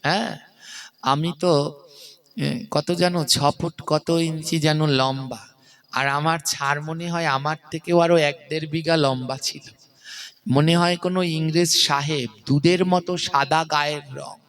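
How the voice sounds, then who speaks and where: Bright-voiced, slow-speaking male preacher. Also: a little high, steady tone. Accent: Bengali. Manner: teaching, emphatic, chanting verses slowly. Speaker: kirtan preacher. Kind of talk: devotional sermon.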